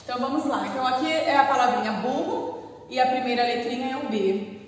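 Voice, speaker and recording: High-pitched Brazilian teacher in echoey room. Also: female voice, far from the mic. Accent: Brazilian Portuguese, strong rolled R. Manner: slow, spells out letters and syllables patiently. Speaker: primary school teacher. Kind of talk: remote class for first graders.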